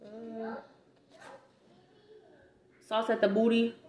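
A woman's voice: on the high side, completely flat delivery, drawn-out words, darkish tone. A young adult woman giving a casual, playful taste-test chat to camera with informal banter, recorded indoors at home. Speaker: vlog host. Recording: echoey room with faint noise, handling clicks.

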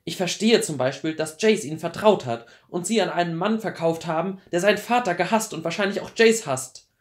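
Guy reading a teen girl, high and loud, begging and bitter, storybook voice. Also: a little fast, close to an everyday voice. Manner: high-pitched, loud, urgent pleading. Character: desperate teenage girl, defiant and pleading.

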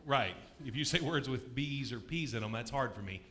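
A man's voice: medium pitch, expressive, moderate pace, pushed and bright, a little hiss or hum. A man, a ventriloquist playing the patient straight man to his puppet on a comedy theater stage. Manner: patient, plain, lets the puppet lead. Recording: live theater with faint crowd.

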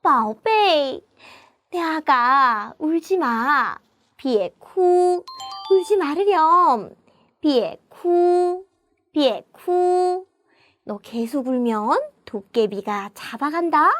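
A woman voicing a gentle young mother who coaxes her crying baby in a children's puppet show. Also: sits high, sing-song, slow, full character voice. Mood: coaxing. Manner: coaxing, lulling.

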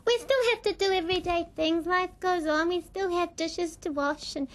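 A woman with a squeaky voice, talking earnestly and emotionally in an archival TV interview. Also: normal speed, low-quality recording.

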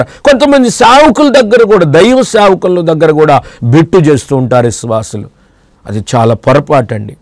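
Animated preacher man, rather high voice. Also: no echo, studio quality. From Andhra Pradesh. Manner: repetitive, pleading preaching with sweeping rises and drops; addresses listeners directly as beloved and children of God. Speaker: pastor. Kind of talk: televised sermon and closing prayer.

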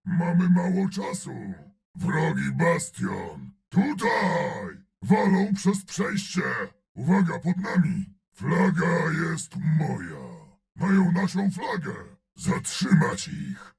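An actor voicing a huge, gruff male brute in a video game, growling out terse battle callouts and dry sardonic remarks in a gravelly voice. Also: a little high, very animated, slow, a little mellow, exaggerated voice.

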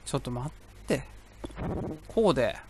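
A man's voice: medium pitch, lively intonation, moderate pace, background noise. A young man casually commentating a video game he is playing, talking to himself, rambling between exclamations. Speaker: gameplay commentator. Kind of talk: casual let's-play commentary. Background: game music.

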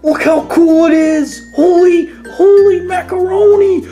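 A man playing a hyper-excited young boy hosting a toy review show, gushing over every detail. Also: very high-pitched, measured pace, faint music behind. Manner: gushing, shrieking enthusiasm. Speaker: kids channel host.

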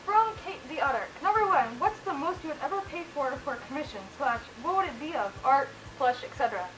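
Speaking from inside a costume head, a woman rambles through a casual Q&A, answering viewer questions in a relaxed way with fillers and laughs. Her voice is high and a little fast. The low-quality recording carries a slight hiss or hum.

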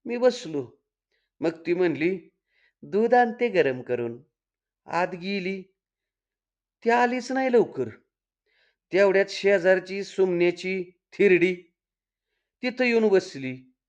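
A man's voice: high voice, expressive, slow, long pauses, muffled recording. A storyteller reading aloud, voicing a cocky young village man who grumbles in rural dialect. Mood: recounting. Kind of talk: dramatic Marathi story reading.

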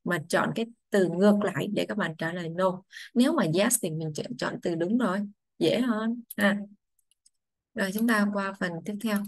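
A woman English teacher, patiently explaining grammar to children, saying English phrases slowly before translating them. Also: mid-range voice, dry recording.

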